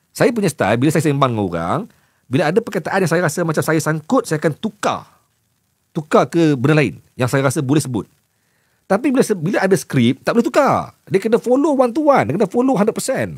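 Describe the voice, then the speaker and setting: A Malaysian Malay man, a news journalist and voice-over producer, chats candidly to camera, mixing in English as he stutters and repeats words. His voice is a little high and husky. The studio recording is clean, with no room sound.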